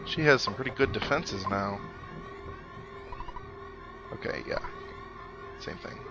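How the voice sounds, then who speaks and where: Slow-paced and on the low side, the man's voice sounds pushed and bright. He's the host of a game playthrough series, reading on-screen text aloud over game music and offering casual, wry musings.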